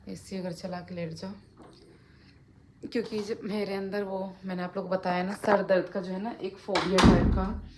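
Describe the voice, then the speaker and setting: A young woman talking softly and slowly to her camera in a casual home vlog. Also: medium pitch, low-quality recording. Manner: speaks softly and slowly during a fast. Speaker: family vlogger. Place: home indoors. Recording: home recording with clear background noise.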